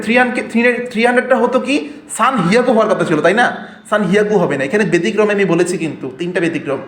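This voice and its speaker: A man's voice: high voice, a bit bright, reverberant. A man teaching a video lesson, repeating each point with fillers and restarts, often checking that his viewers follow. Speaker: Japanese language teacher.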